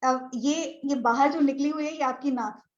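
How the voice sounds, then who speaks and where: Woman teacher, high voice, patient step-by-step explainer, muffled online-class audio. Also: steady tone, normal speed. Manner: explains step by step with a globe, checking with ठीक है. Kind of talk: live online astronomy lesson. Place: indoor room with a board and a tablet.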